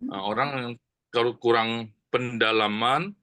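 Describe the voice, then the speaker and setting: Chatty preacher with a bright voice. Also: male voice, mid-range voice, measured pace. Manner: conversational storytelling, many fillers and asides to the congregation. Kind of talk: sermon. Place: church.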